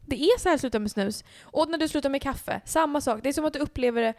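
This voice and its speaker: A young woman co-hosting a podcast, soft-spoken and easygoing in casual chat. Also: high-pitched, no room sound, clean studio sound. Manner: soft-spoken, reassuring back-channel murmurs. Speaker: podcast co-host.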